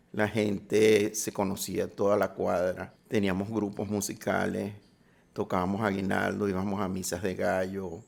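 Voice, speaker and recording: An older man, a sound designer guest, telling stories of his life in an interview with a halting, reminiscing manner. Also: lowish voice, creaky. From Venezuela. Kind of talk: interview storytelling.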